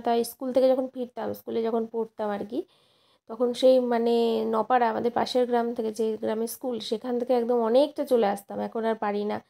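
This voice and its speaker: Chatty woman with a gravelly voice. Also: a little high, warm tone. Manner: chatty, rambling, self-correcting. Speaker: vlogger and schoolteacher. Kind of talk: casual vlog narration.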